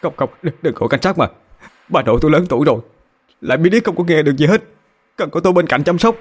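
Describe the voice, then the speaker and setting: A man's voice: a little high, fast, voice pushed up, close to an everyday voice. A man voicing a cowardly, panicked man who stammers as he begs for his life. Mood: pleading. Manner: stammering, pleading.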